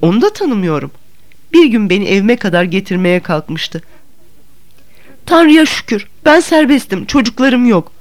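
A woman reading an audiobook, voicing a chattering, excitable provincial lady with a shrill, protesting tone. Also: normal speed, lightly acted. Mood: chatty.

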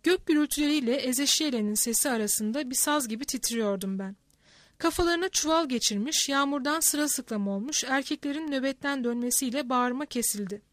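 High-voiced woman narrating a novel. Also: brisk, dry recording. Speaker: audiobook reader. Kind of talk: scripted narration.

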